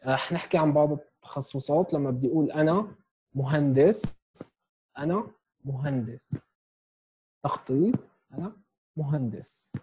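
His voice is a little high, dark, and breathy, with a moderate pace and long pauses. The twenty-something teacher, who has a Syrian Arabic accent, explains sign language step by step online, often saying "okay?", from a small home room via an earphone headset mic on a video call, and the recording quality is low.

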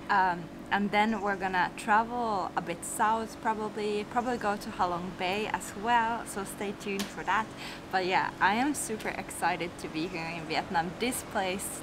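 A young Finnish woman with a medium-pitched voice records a casual travel vlog, bubbly and peppered with "like" fillers, holding the camera at arm's length outdoors. She starts on a rooftop terrace and later moves to a busy street, and the low-quality recording carries traffic noise and street ambience behind her.

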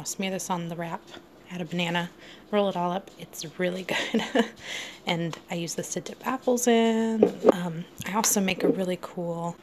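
Chatty woman with a gravelly low voice. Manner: chatty, many ums, laughs easily. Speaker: food vlogger. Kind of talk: casual kitchen walkthrough. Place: home kitchen, indoors. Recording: noisy home recording.

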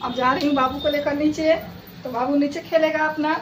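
Woman, high voice, flat tone, casual rooftop vlog, chatty and repetitive, phone recording, faint outdoor noise. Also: fairly quick. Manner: chatty, repeats herself, talks to her dog. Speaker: vlogger and dog owner. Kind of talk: casual vlog narration to viewers. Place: rooftop outdoors during thunderstorm. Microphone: phone camera.

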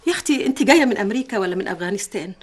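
A woman's voice: expressive, rapid-fire, breathy edge. An actress playing a middle-aged Egyptian mother, frantic and tearful with fear for her missing son. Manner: shrill, pleading, tearful outbursts. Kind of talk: TV drama acting.

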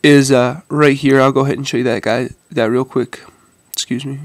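Hampered by a head cold, a man with a stuffy, congested mid-range voice hesitantly walks viewers through a casual phone demo, calling them "guys." His tone is steady, his pace moderate, and there's no echo.

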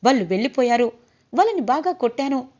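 A woman's voice: sits high, expressive, fast, a little mellow. A woman reading the lines of a kind young male auto driver, polite and reassuring. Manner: reassuring, polite, calls her madam. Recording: slightly dull lo-fi audio.

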